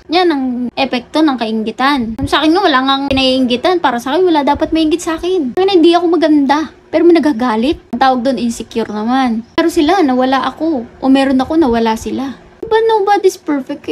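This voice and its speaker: Woman vlogger, high-pitched, blunt and preachy, casual to-camera rant, light ambient noise. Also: a little mellow. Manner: blunt, lecturing, swears casually.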